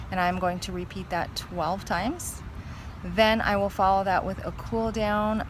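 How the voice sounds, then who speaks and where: Woman vlogger over clearly noisy background hum. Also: fairly low pitch. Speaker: fitness vlogger. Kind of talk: casual vlog talking to viewers.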